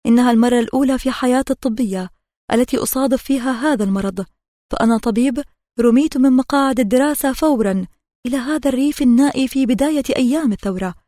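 A woman narrating an audiobook in a measured, steady reading voice. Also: high-pitched, no room sound, studio quality.

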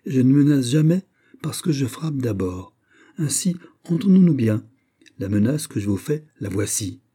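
A man reading aloud, voicing a calm, cold and proud young French nobleman in an audiobook. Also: medium pitch, normal speed, breathy edge, voice pushed up. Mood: haughty.

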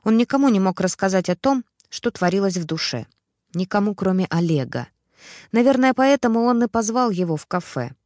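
A woman narrating a dramatic family story in a steady, expressive storytelling voice. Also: medium pitch, a little fast, dry recording, studio quality.

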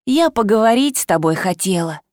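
A woman voicing a young sorceress who wails and curses theatrically at the dark. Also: medium pitch, lively intonation, fairly quick, dry recording, studio quality, lightly acted. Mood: cautious. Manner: theatrical howling and cursing.

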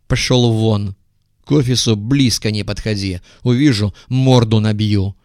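A man voicing a coarse, sardonic lawyer who talks rough and mocking. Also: fairly low pitch, fairly even intonation, measured pace, a little mellow, no room sound, clean studio sound. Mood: threatening.

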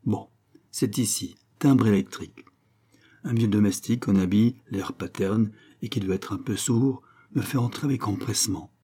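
A man with a dark, husky, fairly low voice reads a short story aloud. His telling is expressive and lively, lifting suddenly and then dropping into hushed asides. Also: normal speed. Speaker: audiobook reader.

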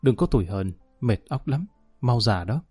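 A man reading the lines of a gentle young man comforting a friend in an audiobook, soft and coaxing. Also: medium pitch, lively intonation, normal speed, slightly rough, no echo, soft background music.

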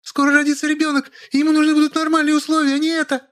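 Casting: man doing a shrieking young pregnant wife, voice pushed very high, always on the edge of tears, storybook drama. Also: monotone, racing, a bit bright. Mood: shrieking furious. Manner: screeching, wailing accusations. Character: shrill young pregnant woman, hysterical.

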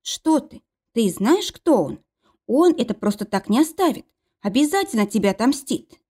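A woman voicing a frightened young woman, speaking high and pleading. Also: sing-song, normal speed, mellow, slightly rough.

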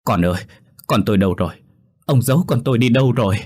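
A man's voice: low-pitched, fast, breathy edge. A man voicing a wealthy woman driven half mad with grief, shrieking frantic questions in a spoken horror story.

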